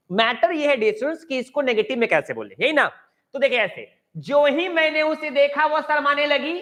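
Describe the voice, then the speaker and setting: A man's voice: very high voice, bright, forceful tone. Man teaching grammar, coaxing and repetitive. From India. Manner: encouraging, repeats key words and has the class repeat them. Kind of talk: classroom grammar lecture mixing Hindi and English.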